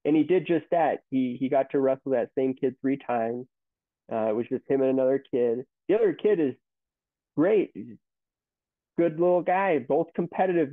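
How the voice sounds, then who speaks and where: A medium-pitched man in his thirties who heads a company rambles through stories in a casual interview, restarting frequently. His audio is dry with no room sound and has a tinny, phone-line quality.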